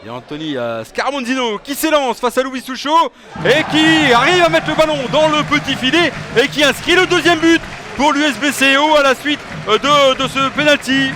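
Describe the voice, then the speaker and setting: A man's voice: very high-pitched, expressive, moderate pace. A man giving live play-by-play football commentary, following the ball from player to player. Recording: noisy stadium crowd behind the voice.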